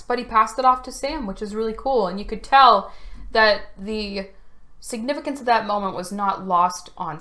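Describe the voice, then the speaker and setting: A woman's voice: a little high, pushed and bright. Chatty emotional woman film reviewer. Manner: emotional, chatty, choking up at times. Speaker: video reviewer. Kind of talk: casual chat. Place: home room. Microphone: camera facing speaker.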